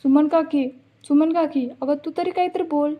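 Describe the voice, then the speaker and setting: A woman's voice: high voice, steady tone, normal speed, lightly acted. A woman reading a pleading young daughter. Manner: plain reading of quoted lines. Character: young married woman pleading with her mother. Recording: dull lo-fi recording.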